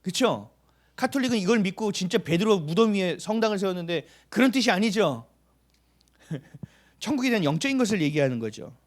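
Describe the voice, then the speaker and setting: A man preaching a sermon as pastor, asking the congregation questions and answering them himself, sometimes dropping to a hushed near-whisper for emphasis. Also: sits high, big pitch swings, brisk.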